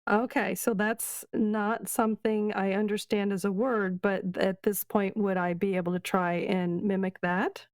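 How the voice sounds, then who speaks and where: A woman's voice: mid-range voice, level tone, measured pace, hardly any pauses, no echo. A woman playing a tabletop game for the first time, curious and full of questions. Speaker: new player.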